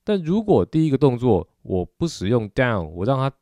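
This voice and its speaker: A man's voice: mid-range voice, sing-song, moderate pace, dark tone, no room sound. A middle-aged man with a Taiwanese Mandarin accent, explaining drumming technique patiently in a video lesson, with frequent filler particles. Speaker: drum teacher.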